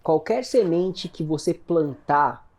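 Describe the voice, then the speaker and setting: A woman hosting a podcast speaks in a low, dark voice. She adds reflective comments in relaxed, casual conversation with her guest. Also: slow. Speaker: podcast host.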